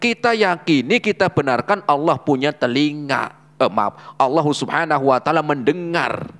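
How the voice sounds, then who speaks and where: A man giving an Islamic study lecture as a religious teacher, preaching in a lively way, asking rhetorical questions and dropping frequent short fillers. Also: fairly high pitch.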